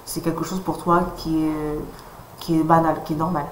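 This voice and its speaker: A woman's voice: sits low, flat delivery, normal speed. A woman interviewing a guest, asking questions hesitantly with many fillers and restarts. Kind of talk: casual interview. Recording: roomy sound with faint noise.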